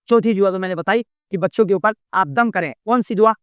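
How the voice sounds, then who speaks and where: A man preaching a sermon to a gathering. He poses rhetorical questions, answers them himself, and recites Arabic supplications slowly and deliberately. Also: high-pitched, smooth, no echo. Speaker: Islamic preacher.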